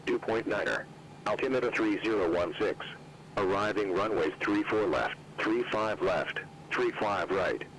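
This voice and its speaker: A man's airport weather broadcast plays over a flight simulator radio. His voice sits very low and the delivery stays flat and even through every number and runway. A faint hiss runs underneath. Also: a little slow, rough recording. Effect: airport weather broadcast heard over the sim radio. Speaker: airport information announcer. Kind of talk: recorded automated airport information broadcast.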